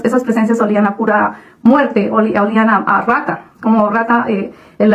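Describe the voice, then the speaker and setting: A woman giving a personal religious testimony, halting often with restarts and fillers. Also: fairly high pitch, low-quality recording. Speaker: testimony speaker.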